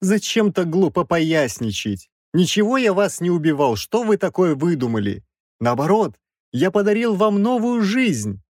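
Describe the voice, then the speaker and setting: A man's voice: sing-song, moderate pace, a little mellow, no echo. Male narrator doing a squealing old mad professor for an audiobook, whiny, fussy, dry close sound. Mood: whining. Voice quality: shrill, squealing. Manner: pleading, fussy, indignant. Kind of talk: audiobook character voice.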